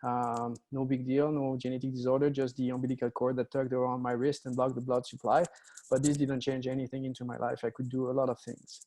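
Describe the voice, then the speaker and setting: A middle-aged man from France with a French accent, giving a webinar lecture over a computer mic and pausing often with "uh". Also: mid-range voice, level tone, dark tone. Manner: hesitant, many "uh" fillers. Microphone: computer mic on a video call.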